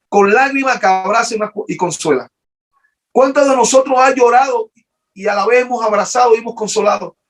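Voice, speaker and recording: A man's voice: high voice, a bit bright. A man preaching an emotional sermon as pastor, fervent and repetitive, often restarting his sentences.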